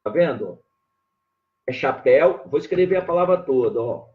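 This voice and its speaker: A man's voice: medium pitch, expressive, narrow, tinny audio. A Brazilian man teaching Portuguese spelling in a live online lesson, explaining step by step and often checking in with his viewers. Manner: explains slowly, spelling words out, often saying "ó" and "tá?".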